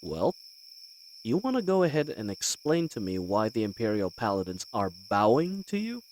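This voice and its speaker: A man's voice: fairly low pitch, very animated, normal speed, a little mellow, a little hiss or hum, poor audio. A man playing a roguish, good-humoured bandit leader in a fantasy audio roleplay, talking in a folksy, teasing and hesitant way. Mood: bewildered, incredulous.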